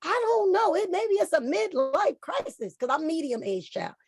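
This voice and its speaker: Effusive high-voiced woman in her forties. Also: moderate pace, no echo, clean studio sound. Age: 40s. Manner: effusive, animated, talks to the group as girl and honey. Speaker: caller sharing a testimonial. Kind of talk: casual video call chat. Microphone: video call.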